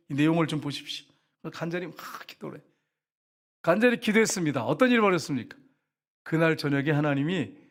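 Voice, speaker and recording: A middle-aged male pastor preaching a lively sermon, often calling out to the congregation and softly acting out prayers. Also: fairly high pitch.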